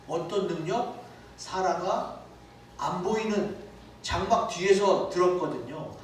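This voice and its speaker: A pastor preaching a sermon in a church, talking conversationally and asking his listeners rhetorical questions. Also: high-pitched. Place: church sanctuary. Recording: echoey church hall from far off with faint noise.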